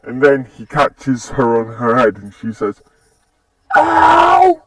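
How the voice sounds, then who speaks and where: A man's voice: medium pitch, steady tone, a little slow, heavy background noise. A man casually retelling a fan-made story, rambling with restarts. Recorded on a distant mic.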